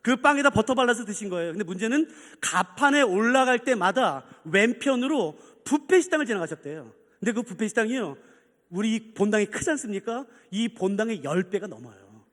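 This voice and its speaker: A male pastor preaching a sermon in a large church, telling an anecdote and acting out its people with sudden shouts. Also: very high-pitched. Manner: animated storytelling, acting out characters with shouts. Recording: long church reverb.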